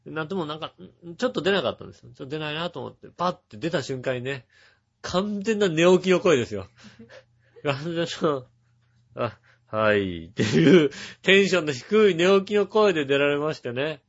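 A chatty male host spins a rambling personal story, his fairly high voice rising and falling in lively swings. The sound is dull and lo-fi. He talks casually, packing in fillers and little asides. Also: fairly quick. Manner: chatty, full of filler words and asides, chuckling. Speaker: radio show host.

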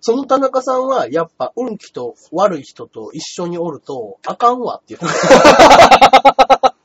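A man co-hosting a casual comedy chat stream, animated and reading viewer comments aloud. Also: high voice, a little slow, background noise. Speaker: radio and stream co-host. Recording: dull lo-fi stream audio.

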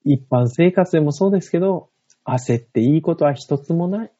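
A man's voice: on the high side, fairly quick, warm tone. A man co-hosting a chat show, mostly chiming in with short agreements and dry quips. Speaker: co-host. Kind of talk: casual chat, backchanneling. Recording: dull, dry studio sound.

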